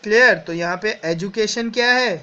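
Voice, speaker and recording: A man with an Indian accent teaching an English grammar lesson, explaining step by step and often asking "clear?". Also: sits high, moderate pace, bright, forceful tone, lo-fi sound. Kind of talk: exam-prep grammar lesson.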